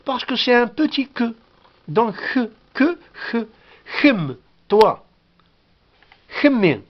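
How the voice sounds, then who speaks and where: A man's voice: extremely high pitch, sing-song, slow pace, lo-fi sound. A man whose first language is Kabyle gives a patient spoken lesson, repeating each word and sounding it out. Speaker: language teacher.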